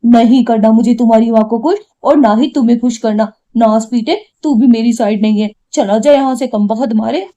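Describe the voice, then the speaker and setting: A woman's voice: on the high side, normal speed, few pauses, lightly acted. Woman voicing a quarrelsome young cartoon wife. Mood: angry. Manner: complaining, sharp-tongued. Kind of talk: cartoon voice acting.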